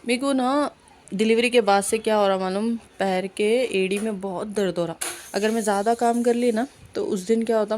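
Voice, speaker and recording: A young woman with a Hyderabadi accent, hoarse-throated, chatting brisk and coaxing through her home vlog. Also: mid-range voice, a little mellow, slight background noise. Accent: Hyderabadi Urdu. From Hyderabad, India. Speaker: family vlogger and mother. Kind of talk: casual vlog narration. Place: home, indoors.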